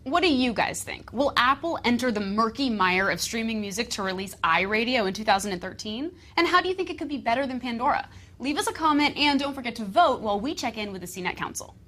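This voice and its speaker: A woman's voice: a little high, animated, fast talker, pushed and bright. A woman co-hosting a scripted tech rumor show with wry, skeptical banter.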